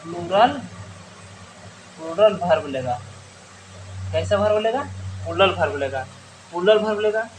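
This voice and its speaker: A man gives a grammar lesson in a high, raised voice. He keeps asking questions and answering them himself, often restarting his sentences. A faint background hiss runs under his voice. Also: expressive, measured pace, long pauses, low-quality recording. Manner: many restarts and fillers. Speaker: teacher.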